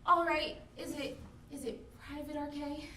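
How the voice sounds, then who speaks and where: A woman's voice: high voice, fairly even intonation, measured pace. A woman playing a lovelorn, devoted lab partner in a campy B-movie parody. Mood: devoted, eager. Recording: very echoey, distant, loud music behind.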